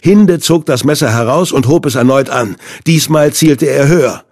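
A man reads a dark thriller aloud, measured and suspenseful, at a middle pitch. His voice is husky and slightly breathy. The recording is dry and close, with no room sound. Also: dry recording. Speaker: audiobook narrator. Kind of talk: scripted narration of a thriller.

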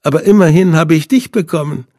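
A man voicing a mocking, menacing male captor with a knife, reading him slowly and with open contempt in a husky voice. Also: on the high side, dark tone, no echo, clean studio sound, voice pushed up. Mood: taunting. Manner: sneering, taunting, slow and deliberate.

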